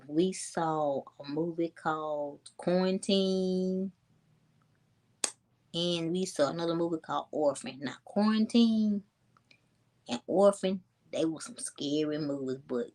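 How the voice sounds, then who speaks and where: A woman, casually telling a story to her viewers in a chatty, animated way. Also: fairly low pitch. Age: 20s. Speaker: vlogger.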